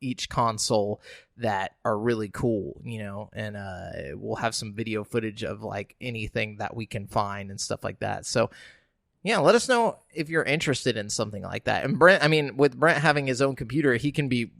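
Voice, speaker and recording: A man's voice: lowish voice, moderate pace, creaky, a bit bright, no room sound, clean studio sound. Rambling podcast guy. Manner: loose and rambling, many fillers. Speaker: podcast co-host. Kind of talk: casual chat.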